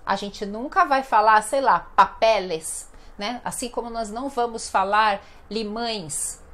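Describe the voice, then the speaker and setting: A woman with a Brazilian Portuguese accent, teaching an online language lesson in a chatty, playful way and drawing out example words slowly. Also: fairly high pitch, steady tone, sharp tone.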